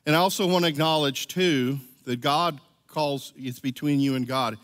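A middle-aged church elder with a fairly high, slightly bright voice preaches at a normal pace, delivering a chatty, story-filled sermon and often checking in with "right?" He's in a church sanctuary, and the big hall gives the recording a long reverb.

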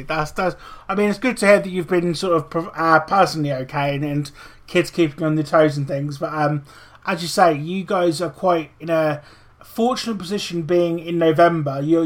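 A man's voice: fairly high pitch, fairly even intonation, fairly quick, a bit bright. A man hosting a podcast interview in a casual, chatty style. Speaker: podcast host.

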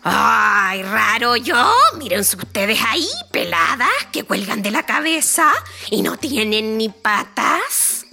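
A woman's voice: mid-range voice, big pitch swings, measured pace, bright, forceful tone, faint music behind, exaggerated voice. Woman voicing a bewildered strange creature. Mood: indignant. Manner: puzzled, indignant, earnest. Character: lost, bewildered creature fallen from the sky.

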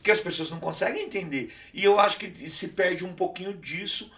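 A man hosting a casual interview, effusive and quick to jump in over his guest. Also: sits high, a bit bright. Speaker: host.

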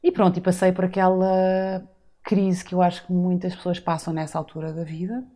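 Reflective low-voiced woman telling her story. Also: completely flat delivery, fairly quick. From Azores, Portugal. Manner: reflective, warm storytelling with rhetorical questions. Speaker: podcast guest. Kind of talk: casual interview chat.

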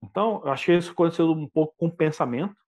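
Quick-talking, animated teacher. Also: mid-range voice. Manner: animated, acts out quoted voices. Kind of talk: casual podcast chat.

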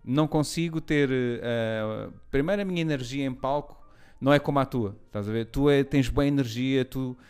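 A man's voice: mid-range voice, moderate pace, a little mellow, clean tone, faint music behind. A man chatting casually, explaining his thoughts carefully and checking for agreement. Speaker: stand-up comedian. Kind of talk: casual conversation.

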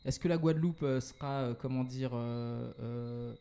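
A man being interviewed about his work as an entrepreneur and event organizer, talking casually with many pauses and restarts and slipping in English words. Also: medium pitch, steady tone, creaky, warm tone, smooth.

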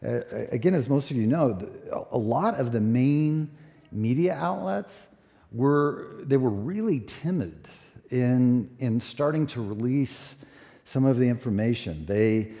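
A man in his sixties, a pastor preaching a sermon at a pulpit microphone, relaxed and conversational with many fillers. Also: mid-range voice. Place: church sanctuary. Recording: echoey church hall.

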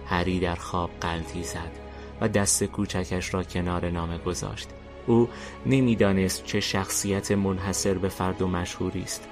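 A man narrating a fantasy story in a steady, deliberate reading style. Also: low voice. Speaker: narrator and host. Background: faint music.

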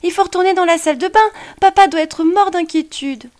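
A woman voicing an excited, wide-eyed little boy with a very high, eager voice. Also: brisk.

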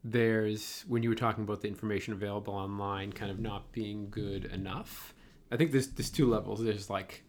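A man's voice: lowish voice, steady tone, moderate pace, hardly any pauses, a little mellow, slight background noise. A man with a Boston accent interviewing in a casual, conversational way, thinking aloud and checking his points as he goes.

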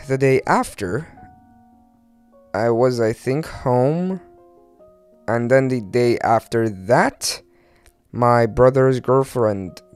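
A man's voice: mid-range voice, darkish tone. A young man with a Turkish accent and imprecise R and L sounds, rambling casually and hesitantly on a solo podcast in English as a non-native speaker. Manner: rambling, hesitant, searching for words, mild swearing. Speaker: podcast host.

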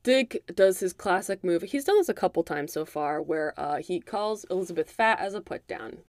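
Woman podcast co-host, lower register, dry close mic, emphatic and profane recap delivery. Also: normal speed, dry recording. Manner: animated, profane, emphatic storytelling. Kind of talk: casual movie recap chat.

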